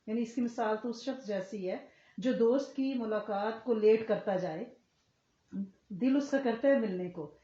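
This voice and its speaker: Woman religious teacher, earnest lecture style, mellow warm tone, muffled roomy recording. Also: mid-range voice. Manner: earnest, explanatory, often checks in with listeners. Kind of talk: religious lecture to a women's class. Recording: echoey room, slightly muffled sound.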